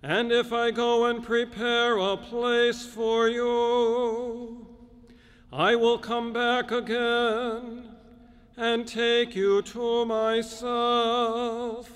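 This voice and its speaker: A man chanting the gospel reading at Mass in a smooth, even tone, heard in a large church with a cathedral echo. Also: very high-pitched. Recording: long cathedral reverb, faint music.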